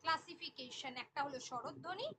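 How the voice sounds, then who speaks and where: High-voiced woman teaching, repeating definitions. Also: brisk, noisy background. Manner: repeats key definitions, asks questions to the class. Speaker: Bengali teacher. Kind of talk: online exam-prep class.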